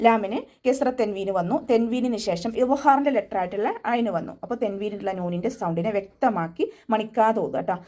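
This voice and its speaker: A young woman teaching Quran recitation in an online class, explaining each step patiently and adding gentle reminders. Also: mid-range voice. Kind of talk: online tajweed class instruction.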